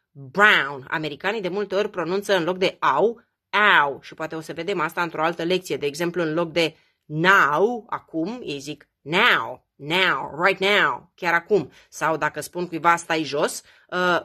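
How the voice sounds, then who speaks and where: Woman, English teacher, Romanian native speaker, fairly low voice, slow repeated words, patient explanations. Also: pushed and bright. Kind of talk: language lesson.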